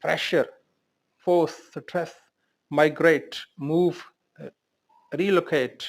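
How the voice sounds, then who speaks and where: A man teaching English vocabulary, voice sitting a little high for a man. He calls out each word, then lists its synonyms one after another with their meanings in Urdu. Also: steady tone, takes it slowly.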